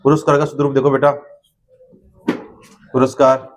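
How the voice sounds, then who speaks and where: A man's voice: mid-range voice, monotone, normal speed. A middle-aged man teaching a Hindi spelling lesson in a classroom, coaxing his students with repeated tag questions.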